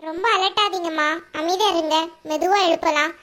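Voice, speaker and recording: A calm, firm female doctor in a cartoon, voiced by a woman. She speaks in a reproving tone. The voice is very high and bright. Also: fairly quick. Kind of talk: cartoon voice acting.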